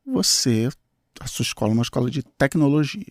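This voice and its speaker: A man's voice: medium pitch, animated, brisk, no room sound, studio quality. A man with a Brazilian Portuguese accent hosting a podcast, telling stories animatedly and swinging into quoted voices. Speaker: podcast host. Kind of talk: podcast conversation.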